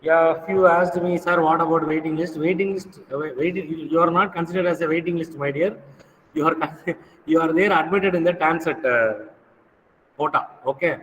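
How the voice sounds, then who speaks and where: Man, Tamil accent, high-pitched, lecturer, instructive and repetitive, reverberant noisy recording. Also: normal speed, a bit bright. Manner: instructive, repeats phrases, checks in with "okay". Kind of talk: informal classroom lecture to students.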